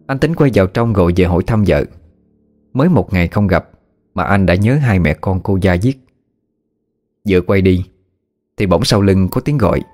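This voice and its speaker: A man narrating a story in a steady, plain manner. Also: low voice. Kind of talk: storytelling audio drama narration.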